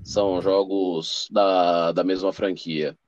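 A man's voice: low voice, flat delivery, slow pace, no echo, lo-fi sound. A man with a Brazilian Portuguese accent co-hosting a casual podcast, laid-back and easygoing in manner. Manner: laid-back, drops "cara" a lot. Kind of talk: casual chat.

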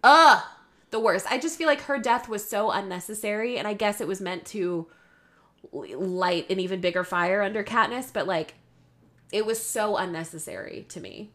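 A woman's voice: medium pitch, normal speed. A woman co-hosting a podcast, chatting casually and animatedly, with many fillers and asides. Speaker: podcast co-host. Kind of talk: casual chat.

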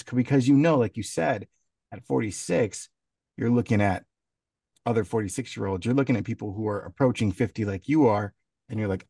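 A man's voice: fairly low pitch, mellow, slightly rough, dry recording. A man in his thirties talking casually and with energy, repeating words for emphasis. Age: 30s. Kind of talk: casual chat. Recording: dry, a bit far from the mic.

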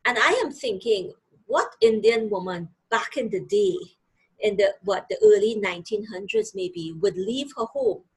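A woman's voice: medium pitch, normal speed, husky, poor audio. A woman from Trinidad and Tobago with a Trinidadian accent, a podcast guest talking reflectively about her family history and her work. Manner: thoughtful, reflective storytelling. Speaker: guest, financial literacy and credit counselor. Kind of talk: interview conversation.

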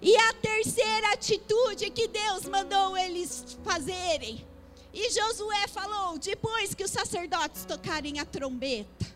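A woman preaching a sermon, moving from soft teaching to fervent call-and-response exhortation. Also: very high voice.

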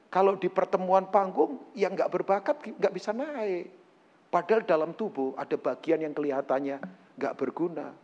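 A man preaching a sermon to his congregation, animated and joking, acting out quotes. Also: sits high, moderate pace, in a large hall, dull audio. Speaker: pastor. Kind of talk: lively sermon.

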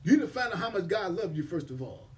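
A man's voice: sits high, big pitch swings, quick pace. A man preaching an impassioned sermon in a rising and falling cadence. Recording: voice from far off the mic.

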